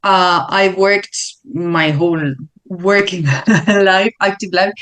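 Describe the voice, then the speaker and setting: A woman with a Uruguayan Spanish accent, a learning consultant being interviewed, speaking English as a second language and pausing to find her words. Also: on the low side, fairly bright tone. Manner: thoughtful, searching for words with fillers. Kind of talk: interview answers.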